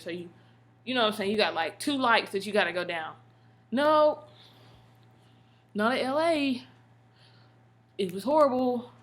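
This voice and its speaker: An American woman telling stories in a casual, slangy vlog style, expressive and full of emphatic asides. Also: medium pitch. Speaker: vlogger. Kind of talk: casual chatty storytelling vlog.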